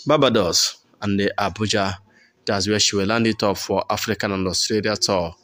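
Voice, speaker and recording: A man with a fairly low voice talks through a concert clip as a channel host. He rambles in a friendly, repetitive way, filling pauses with "uh". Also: fairly bright tone. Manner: chatty, repeats himself, many fillers. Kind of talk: casual voice-over commentary.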